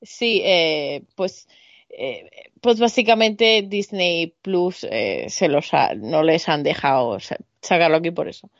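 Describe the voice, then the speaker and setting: A woman with a slightly low voice, chatting casually on a podcast panel. She talks in a hesitant, jokey way, full of fillers and restarts. The sound is dry and dull. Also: lively intonation, takes it slowly, no echo. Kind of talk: casual chat.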